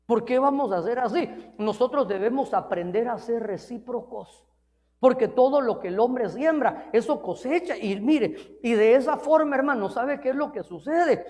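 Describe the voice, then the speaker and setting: A man's voice: extremely high pitch, expressive, normal speed, darkish tone. A man preaching an informal sermon in earnest tones, repeating himself and often calling listeners brother, with joking asides. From Mexico. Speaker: pastor. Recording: long reverb of a large hall.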